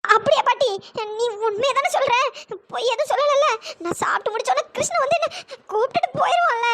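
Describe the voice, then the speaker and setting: Cartoon heroine, voiced by an actor: young woman, lovesick, pleading; very high, sharp, pitch-raised tone. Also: fast talker. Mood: yearning. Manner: pleading, repeatedly asking questions. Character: lovesick young woman pining for her sweetheart. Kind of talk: cartoon storytelling dialogue.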